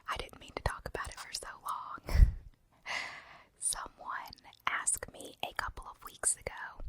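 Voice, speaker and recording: A woman whispering softly and breathily in a casual, rambling ASMR chat, close on the mic from ear to ear. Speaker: ASMR video creator. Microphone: close binaural ASMR microphone, ear to ear.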